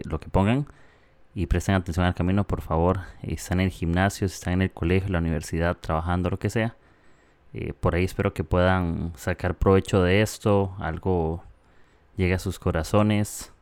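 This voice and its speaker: A Costa Rican man in his thirties hosting his own podcast, talking in a relaxed, chatty way with frequent "eh" fillers. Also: low-pitched, smooth, no echo. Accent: Costa Rican Spanish. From Costa Rica. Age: 30s. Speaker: podcast host. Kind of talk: casual reflective podcast monologue.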